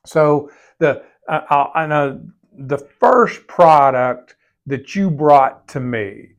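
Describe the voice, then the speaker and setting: An older man co-hosting a finance podcast in casual conversation, speaking haltingly and repeating words. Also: a little high. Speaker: podcast co-host and veteran financial advisor.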